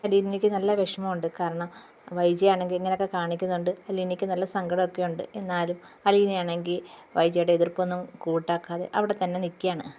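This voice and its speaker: A woman casually retelling a serial episode as its regular recap host, chatty and filling her pauses with drawn-out sounds. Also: on the low side, little pitch movement, warm tone, muffled recording.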